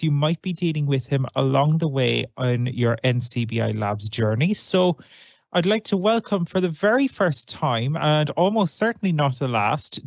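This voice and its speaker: A man's voice: a little high, dry recording. A man hosting a podcast, upbeat and conversational as he introduces segments and questions a guest. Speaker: podcast host. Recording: dry, slightly dull lo-fi sound.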